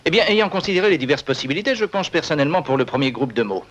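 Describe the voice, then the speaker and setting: An actor playing a methodical, long-winded code-breaking colleague who explains things pedantically in a 1970s film drama. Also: male voice, a little high, lively intonation, very fast, fairly bright tone. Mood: methodical, pedantic. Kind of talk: 1970s French-language film drama acting.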